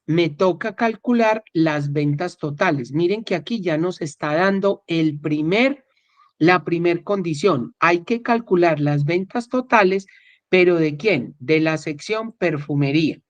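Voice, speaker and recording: A man's voice: sits high, slow pace, no echo. A man teaching a class, explaining step by step and often checking that listeners follow. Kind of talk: recorded online spreadsheet class. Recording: dull, dry, lo-fi recording.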